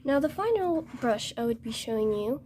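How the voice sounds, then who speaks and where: A young woman explaining paintbrushes in a painting tutorial, hesitant and halting, often correcting herself. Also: a little high, lively intonation, darkish tone, a little hiss or hum. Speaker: art tutor.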